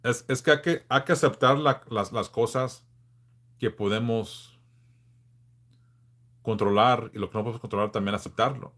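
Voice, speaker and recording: A Los Angeles man in his forties hosts a casual livestream, replying to viewers frankly and in a laid-back manner, though he often halts and restarts. His voice is medium-pitched and slightly bright.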